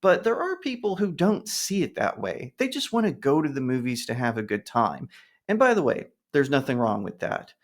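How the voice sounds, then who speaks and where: A man talking casually to camera, giving his opinions on films and telling an anecdote in an animated way. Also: medium pitch, normal speed. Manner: animated storytelling, acts out other people with a raised voice. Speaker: YouTube commentator.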